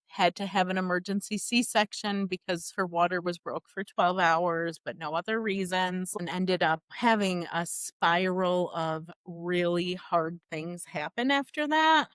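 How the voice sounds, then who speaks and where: A woman guest on a podcast, telling a personal story in a chatty, animated way, full of "like" and "you know". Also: lowish voice, dry recording. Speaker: podcast guest, doula business founder.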